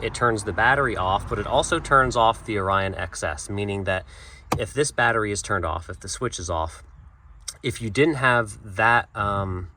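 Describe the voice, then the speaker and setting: Bright-toned man showing his work. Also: lowish voice. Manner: relaxed, with frequent fillers and restarts. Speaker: installer. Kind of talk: casual walkthrough of an installation.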